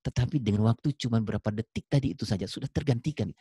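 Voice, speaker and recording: A man's voice: medium pitch, quick pace, breathy edge, no room sound, studio quality. A middle-aged man giving a parenting talk to parents, addressing them directly and acting out little dialogues to make his points. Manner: lively storyteller, acts out dialogue in raised voices; addresses listeners directly as ayah and bunda. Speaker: parenting speaker.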